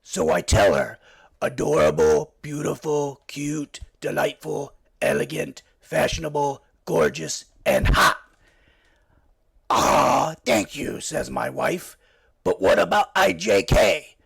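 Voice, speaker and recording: A man voices a scruffy cartoon bat hosting a late-night comedy show, punching out jokes cheekily and switching voices for the characters in them. The heavily acted voice is gravelly and husky, on the high side, expressive, slow and a bit bright.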